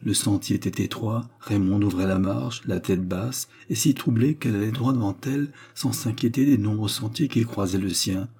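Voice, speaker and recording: A man narrating a classic novel as an audiobook in a calm, measured reading. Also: lowish voice, slightly rough.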